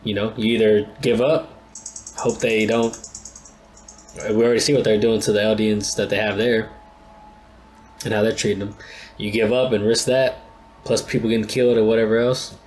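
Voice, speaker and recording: Laid-back man musing in low voice. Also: level tone, normal speed, long pauses, a little mellow, slight background noise. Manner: laid-back, rambling, thinks aloud with many restarts. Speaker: anime reaction channel host. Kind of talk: casual reaction commentary.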